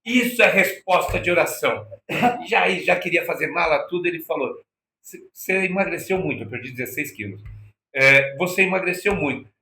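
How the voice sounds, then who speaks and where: A man's voice: on the high side, expressive, moderate pace, gravelly, bright, forceful tone, slight background noise. A man with a Brazilian accent telling a personal story as an interview guest, acting out quoted dialogue with shifting voices. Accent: Brazilian Portuguese. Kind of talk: anecdotal storytelling. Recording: echoey room.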